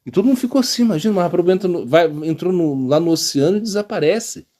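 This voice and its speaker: A man with a Brazilian Portuguese accent, a monk giving a storytelling religious talk, animated and acting out voices from the story with many fillers. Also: high-pitched, fast. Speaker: monk and spiritual teacher.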